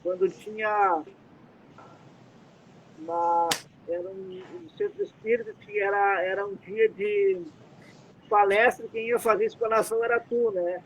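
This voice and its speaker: A man's voice: expressive, a little slow, pauses often. A Brazilian man hosting a casual live stream from a dim room, talking in a rambling way with many fillers. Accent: Brazilian Portuguese. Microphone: computer mic, headset removed. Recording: muffled lo-fi audio with faint rumble.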